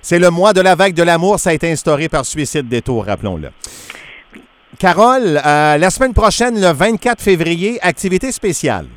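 Québécois radio guy, chatty and upbeat, kinda high voice. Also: lively intonation, a little fast. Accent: Québécois French. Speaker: radio morning show host. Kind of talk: casual radio interview.

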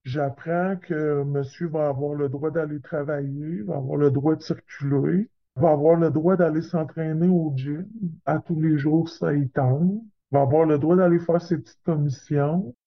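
A woman's voice: sits low, steady tone, unhurried, lo-fi sound. A woman with a Québécois accent speaking through a voice changer that hides her identity, talking in a direct, indignant way in a recorded news interview clip. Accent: Québécois French. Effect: voice altered by a voice changer for anonymity. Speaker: crime victim giving testimony.

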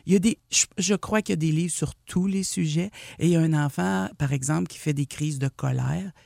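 A woman with a Québécois French accent giving parenting advice as a radio columnist, animated and explanatory, often acting out what a parent would say to a child. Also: deep voice, fairly quick, creaky, dry recording, clean studio sound.

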